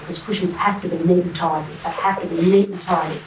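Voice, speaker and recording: A woman's voice: on the low side, steady tone, fast talker. A woman working as a stage hypnotist, giving repeated, instructing suggestions to volunteers in a comedy show. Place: indoor hall with small stage and audience. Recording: roomy, distant mic, loud noise.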